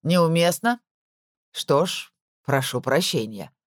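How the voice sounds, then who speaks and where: Reader putting on a pompous speech-making man, slow and loud, dry audiobook sound. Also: medium pitch, animated, no room sound.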